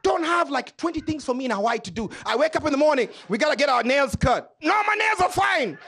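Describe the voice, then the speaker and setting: On a club stage, a comedian from Kenya banters with the audience in a loud, animated stand-up set. He talks fast in a very high-pitched voice.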